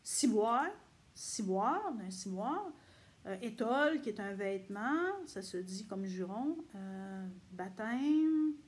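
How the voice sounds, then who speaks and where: A woman from Quebec with a Québécois French accent, explaining casually to camera in a chatty way with frequent pauses. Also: mid-range voice, animated. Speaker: vlogger.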